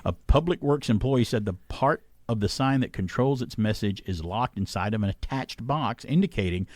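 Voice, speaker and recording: A man's voice: mid-range voice, moderate pace, a little mellow, dry recording. A man hosting a casual radio chat in a rambling, folksy way, close on a studio mic. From Atlanta area, United States. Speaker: radio host. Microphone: close broadcast mic.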